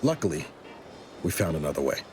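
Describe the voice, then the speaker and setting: An actor playing a sober, loyal soldier companion in a video game, terse and earnest. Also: male voice, rumbling low, big pitch swings, fairly quick, a little hiss or hum. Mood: grim.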